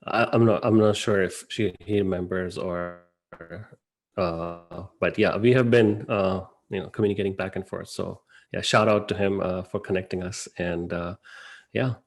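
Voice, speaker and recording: Man in his thirties from Dubai, lowish voice, casual rambling guest on a podcast, lots of fillers. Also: steady tone, moderate pace. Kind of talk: podcast interview.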